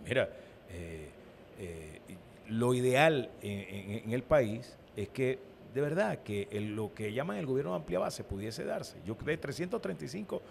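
An emphatic Venezuelan man with a gravelly, creaky voice, answering questions in a political interview. His pitch moves a lot as he talks, and he often repeats words for emphasis. A light hiss of noise sits under him. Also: lively intonation, unhurried. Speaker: opposition party leader, interview guest.

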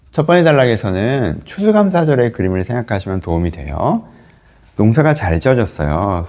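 Lively male pastor teaching the Bible. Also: fairly low pitch, creaky. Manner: lively, acts out quoted voices, asks listeners questions.

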